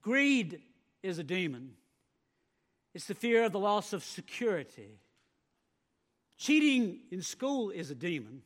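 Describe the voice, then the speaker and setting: A man's voice: high-pitched, very animated, unhurried, pauses often. A man preaching a sermon, emphatic, with swelling volume and frequent repeated words. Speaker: pastor.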